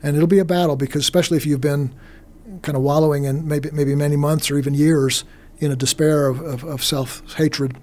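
A man's voice: on the high side, steady tone, brisk, darkish tone. A middle-aged man giving a faith interview as a guest minister, speaking earnestly and often restarting and repeating his words.

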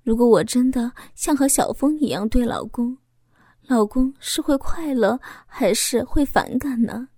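Brief: female audiobook narrator, emotional first-person confession, higher voice, close and dry. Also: a little slow, mellow, dry recording.

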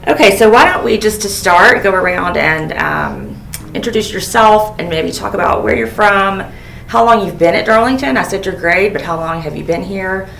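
A woman's voice: mid-range voice, moderate pace, gravelly, fairly bright tone, echoey room, far from the mic, soft background music. A woman hosting a school podcast interview, chatty and encouraging, with many ums. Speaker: host, dean of students.

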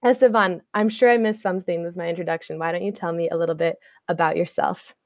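A woman's voice: on the low side, steady tone, fast talker, darkish tone, no room sound. Podcast host woman, dry close voice. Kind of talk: scripted narration and interview.

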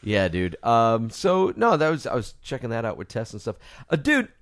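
A laid-back man chatting on a podcast, his pitch rising and falling freely as he talks. He drops "dude" and the odd swear word into easy, rambling talk, and his voice sounds dry and close. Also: big pitch swings, normal speed, dry recording. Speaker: podcast co-host. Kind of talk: casual chat.

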